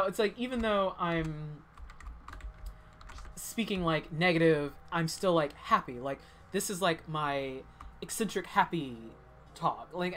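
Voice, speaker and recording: A woman's voice: on the low side, fairly bright tone, a little hiss or hum. A woman giving casual, rambling commentary while playing a game. She fills her talk with "like" and sounds heated yet cheerful. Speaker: gameplay commentator. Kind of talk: casual gameplay chat.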